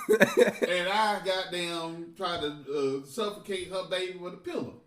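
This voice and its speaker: A man telling a profane, animated story on a podcast and laughing often. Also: sits high, measured pace, distant mic. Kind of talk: casual storytelling. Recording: echoey room, off-mic.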